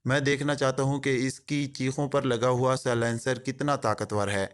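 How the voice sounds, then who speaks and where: A man's voice: mid-range voice, level tone, clean tone, natural voice. A man voicing an arrogant, short male gang boss who talks in a harsh, sarcastic way. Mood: sneering.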